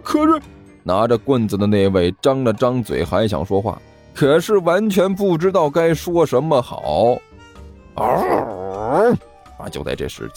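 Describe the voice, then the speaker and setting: A man narrating a serialized story in a lively, dramatic storytelling way. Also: on the high side.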